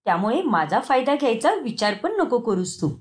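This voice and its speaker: A woman plays a young daughter-in-law in an animated family story, in a fairly high, lively voice. She talks in a sharp, accusing way. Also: fairly quick.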